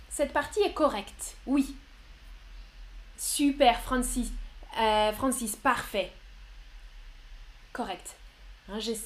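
A woman teaching grammar in a live online lesson, patient and encouraging as she answers viewers one by one. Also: high-pitched. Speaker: French teacher.

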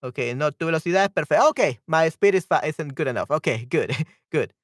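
This high-sitting male voice, lively in intonation, belongs to a cheerful live-stream language teacher who laughs readily. He repeats phrases slowly and alternates between two languages, recorded in clean studio sound without echo.

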